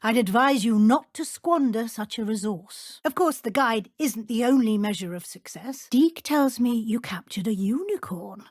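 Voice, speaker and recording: An actress playing a brisk, stern but encouraging middle-aged British witch professor in a video game, speaking formally and precisely. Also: on the high side, expressive, no echo, clean studio sound. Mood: measured, formal. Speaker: transfiguration teacher. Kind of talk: scripted video game dialogue.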